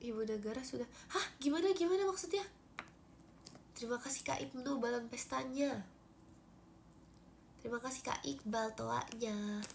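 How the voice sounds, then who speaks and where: Young woman w a cold chatting on her phone stream, high pitched n chatty. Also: normal speed, creaky, pauses often, slight background noise. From Indonesia. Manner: chatty and animated, frequent fillers. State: stuffy from a cold. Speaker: idol livestreamer. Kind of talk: casual livestream chat, thanking viewers for gifts.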